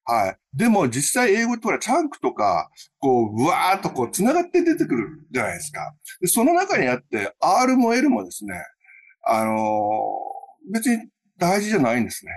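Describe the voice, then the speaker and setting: A male English pronunciation teacher speaking in an interview. His pitch swings widely as he explains, and he uses many fillers along the way. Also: wildly swooping pitch, moderate pace.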